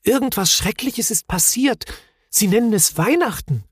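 Voicing a timid, worried young male troll in a storybook reading, a man performs a full character voice pitched above his own: high, breathy-edged, with big pitch swings at a moderate pace. He sounds anxious, soft and alarmed, in clean studio sound without echo.

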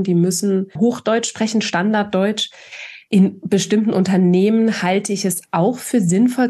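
A woman from eastern Germany, a speech scientist guest on a podcast, explaining her views in a measured, thinking-aloud way. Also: mid-range voice, darkish tone. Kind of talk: expert interview answers.

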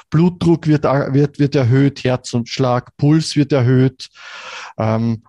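A man in his forties with a Viennese accent, a brain researcher calmly explaining things as an interview guest. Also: mid-range voice, no echo, studio quality. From Vienna, Austria. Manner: measured, calmly explaining with examples.

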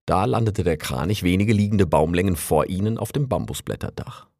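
A man narrating an audiobook in an expressive storytelling manner. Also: sits low, a little fast, no room sound, studio quality. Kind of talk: scripted narration.

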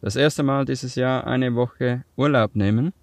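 A man with a Swiss German accent, co-hosting a casual chat over a remote call, relaxed and laughing easily. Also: mid-range voice, a little slow, no room sound. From Switzerland. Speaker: podcast co-host. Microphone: remote call with weak connection.

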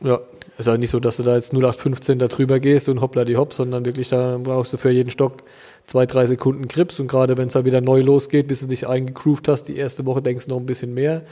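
Man in his thirties, flat hesitant talk. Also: medium pitch, fast, long reverb tail. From Germany. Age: 30s. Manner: relaxed, hesitant with many fillers. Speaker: winemaker. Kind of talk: casual interview answers.

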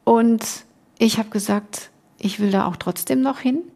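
A woman's voice: fairly high pitch, unhurried, vocal fry, dark tone. A middle-aged woman, a podcast guest, earnestly telling a personal story in casual conversation, emotional and full of restarts.

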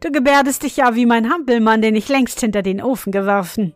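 A woman's voice: on the high side, fairly quick, dry recording, soft background music, close to an everyday voice. Woman doing a cheeky boisterous boy. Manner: brash, teasing.

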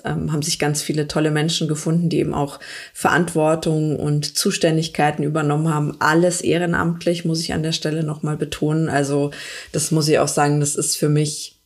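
A woman talking earnestly on a podcast about her work in politics, pausing often with fillers and restarting her sentences. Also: sits low. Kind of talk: casual podcast chat.

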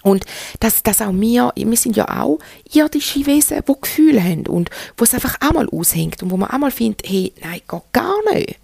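With a fairly high, expressive voice that's creaky, dark-toned and slightly rough, a Swiss German-accented woman in her thirties talks briskly and candidly to her podcast listeners on her own. The studio-quality recording has no room sound.

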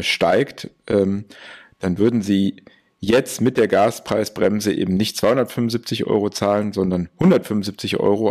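A man with a low, gravelly voice takes his time explaining a policy point in a relaxed conversational way. He fills his pauses with plenty of hesitation sounds. His tone stays matter-of-fact and explanatory. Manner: explains at length, with many fillers.

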